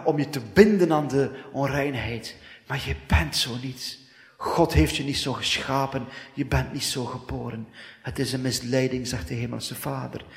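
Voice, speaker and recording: A man's voice: mid-range voice, gravelly. Fervent preacher man in an echoing hall. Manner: fervent, repetitive, rising to loud declarations; breaks into speaking in tongues. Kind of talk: prophetic sermon and prayer. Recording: long echoing hall reverb.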